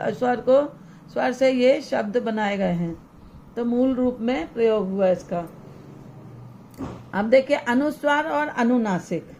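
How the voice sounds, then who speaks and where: A woman teacher giving an online class lesson to young children, slowly and deliberately spelling out example words one by one. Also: a little high, gravelly, darkish tone, slight background noise.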